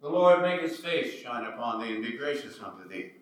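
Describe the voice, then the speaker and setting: A man leading a church service, intoning prayers and a blessing in a solemn, measured way, with a cathedral echo. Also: mid-range voice, very animated. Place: large church. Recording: echoey church from far off, organ music.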